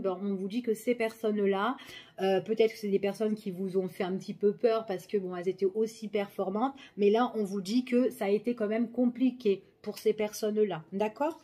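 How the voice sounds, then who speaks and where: Woman, tarot reader, mellow tone, chatty, frequent check-ins. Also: fairly high pitch. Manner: chatty, many fillers and checks like "d'accord?". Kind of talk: tarot reading video.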